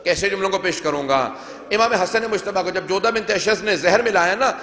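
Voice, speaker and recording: A man's voice: high voice, pushed and bright. A man preaching a majlis sermon, declaiming and retelling narrations with quoted dialogue. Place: large hall with long reverb. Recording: echoey reverberant hall.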